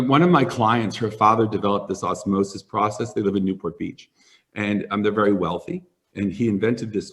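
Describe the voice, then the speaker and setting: A middle-aged man, a hair stylist and formulator, talking in a sit-down interview and telling animated stories with acted-out quotes. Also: lowish voice. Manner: animated storyteller, acts out quoted voices.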